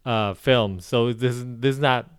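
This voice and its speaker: Speaking a little slowly in a mid-range voice with a clean tone, a man co-hosts a casual podcast, frequently saying "um" and restarting as he rambles. The recording is dry, made close on a podcast mic.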